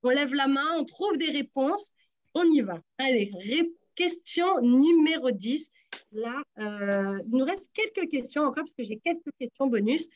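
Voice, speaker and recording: A woman hosting a radio sports quiz in a lively, teasing way, encouraging the contestants. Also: high-pitched, measured pace, dull audio. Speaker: quiz host.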